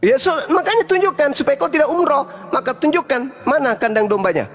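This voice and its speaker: A preacher debates religion in a sing-song, slightly fast delivery. He presses with rhetorical questions, swinging from low murmurs to loud emphasis.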